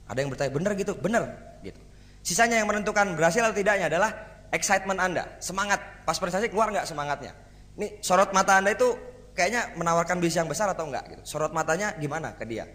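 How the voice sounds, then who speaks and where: A man giving a motivational seminar talk to a live audience, energetic and rhetorical, often asking the crowd for agreement. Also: a little high. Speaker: motivational speaker. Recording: hall reverb.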